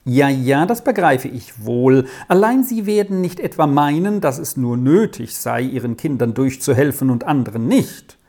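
A reader voicing an excitable village woman who talks in an agitated, pushy way. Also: medium pitch, moderate pace, few pauses.

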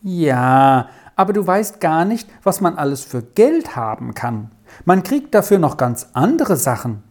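A woman's voice: low voice, sing-song, measured pace, darkish tone, exaggerated voice. A woman voicing a cheerful, boastful young boy in a children's story, talking eagerly and persuasively.

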